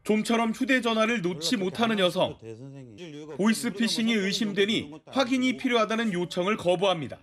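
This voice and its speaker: A man's voice: high voice, fairly quick, crowd noise. A man narrating a scripted news report as a reporter.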